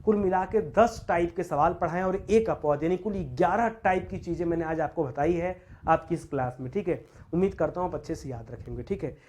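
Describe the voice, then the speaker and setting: A man's voice: on the high side, fairly quick, darkish tone, dull audio. Guy teaching grammar online, keeps asking the class questions and repeating answers. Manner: repeats questions to students, calls them friends; drills points, frequent "theek hai".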